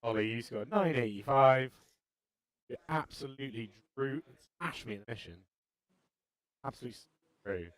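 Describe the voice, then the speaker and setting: A man's voice: mid-range voice, animated, moderate pace, pauses often, no room sound. Rambling, dryly jokey man, close sound. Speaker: tournament player. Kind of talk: rambling casual chat.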